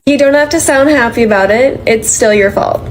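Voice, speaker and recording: A woman's voice: a little high, fairly quick, slight background noise, close to an everyday voice. Woman doing tired fired manager lady in a cartoon, dry and over it. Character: fired female manager, weary and resigned. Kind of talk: animated comedy dialogue.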